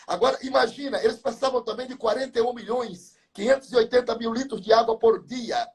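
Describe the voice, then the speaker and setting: A man's voice: extremely high pitch, steady tone, quick pace, slightly rough. A man in his seventies, a pastor, telling Bible stories with fervor, piling up numbers and wordplay in a live chat. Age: 70s. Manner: fervent storytelling with biblical numbers and wordplay. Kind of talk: preaching chat in a live talk.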